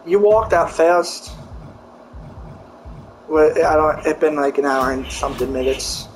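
A man's voice: on the high side, a little slow. A man joining a gameplay session as a friend, teasing and laughing in casual banter, often saying "mate". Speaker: co-host friend. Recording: noisy background.

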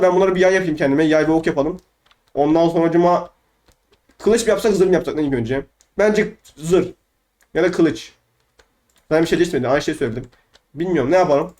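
A man's voice: on the high side, dark tone. A young man from Turkey chatting casually over gameplay, boastful and teasing, repeating his lines. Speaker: gamer.

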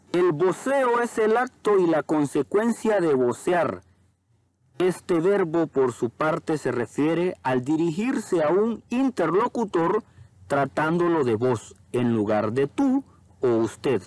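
Man, slow careful teacher, lively pitch, fairly high voice. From Honduras. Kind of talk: educational narration.

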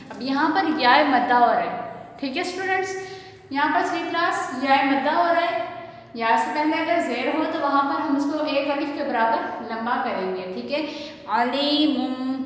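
A woman teaching Quran recitation, reciting slowly and patiently explaining each rule, asking and answering her own questions. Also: high-pitched. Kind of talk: recorded online class lesson. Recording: very echoey hall, faint background noise.

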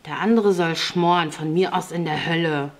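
A woman's voice: lowish voice, normal speed, close to an everyday voice. A woman voicing a firm, pitying woman of the house in an audiobook reading.

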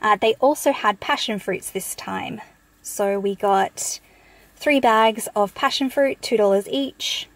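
A woman's voice: medium pitch, takes it slowly, no echo. An Australian woman in her thirties, chatting casually through a grocery haul and listing prices in a matter-of-fact way from inside a parked car. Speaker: vlogger.

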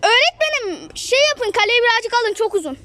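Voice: very animated, moderate pace. A young school child commentating on a football match like a screaming sportscaster, repeating names and stretching out the calls. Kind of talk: excited football match commentary, shouted at goals. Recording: noisy amateur pitch-side recording.

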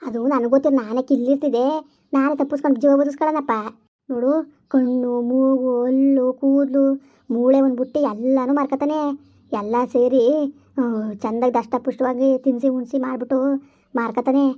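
A woman's voice: sits high, flat delivery, brisk, voice pushed down, close to an everyday voice. A woman voicing a grim female ghost trapped in a bungalow who gives blunt, urgent warnings. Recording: dull lo-fi recording.

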